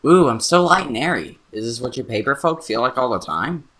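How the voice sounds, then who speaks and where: A man's voice: mid-range voice, sing-song, a little fast, fairly bright tone. A man voicing a cocky, wisecracking talking paint can sidekick in a video game voice-over. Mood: bossy. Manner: brash, bossy and wisecracking. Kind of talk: let's play voice-over.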